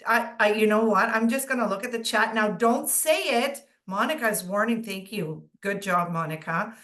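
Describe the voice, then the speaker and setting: Bright, giggly woman co-hosting a webinar. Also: mid-range voice, moderate pace. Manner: giggly and chatty. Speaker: webinar co-host. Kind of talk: playful game-show style webinar banter. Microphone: video call.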